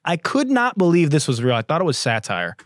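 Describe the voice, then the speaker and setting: A man's voice: fairly high pitch, huge pitch swings, fairly quick, a little hiss or hum. A man hosting a comedy talk podcast, sarcastic and profane, laughing often between jokes. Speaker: podcast host.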